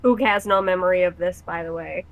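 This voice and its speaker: A woman playing a tabletop role-playing game, narrating what her character does in a descriptive, halting way with fillers. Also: lowish voice, fairly even intonation, poor audio. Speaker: player.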